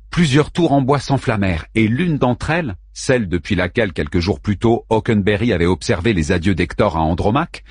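A man narrating an audiobook in a steady, measured way. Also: medium pitch, husky, no echo, studio quality. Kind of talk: scripted narration.

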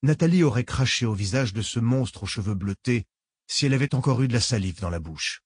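A man reading an audiobook as narrator, measured storytelling. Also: medium pitch, expressive, breathy edge, no echo, studio quality.

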